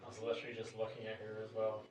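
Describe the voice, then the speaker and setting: A man's voice: lowish voice, completely flat delivery, very fast, soft background music. Casual man in a very echoey room. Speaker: tabletop game player. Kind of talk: casual game chat. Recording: very echoey room, distant mic.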